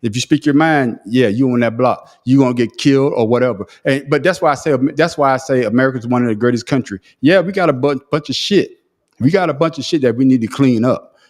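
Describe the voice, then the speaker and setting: Speaking fast in a medium pitch, a man hosts a laid-back podcast. The exchange is a heated casual debate, and he pushes his points hard while repeatedly restarting what he's saying.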